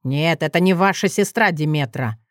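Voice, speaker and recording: A woman's voice: deep voice, moderate pace, no echo, clean studio sound, lightly acted. A woman voicing a haughty adult dragon lord with an ironic, sneering drawl. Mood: grave.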